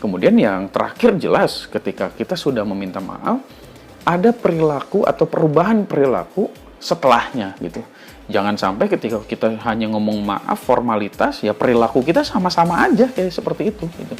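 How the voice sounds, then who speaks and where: A man's voice: mid-range voice, big pitch swings, fairly quick, soft background music. A young male teacher giving a casual spoken lesson on manners to his students, chatty and emphatic, often ending phrases with a questioning filler.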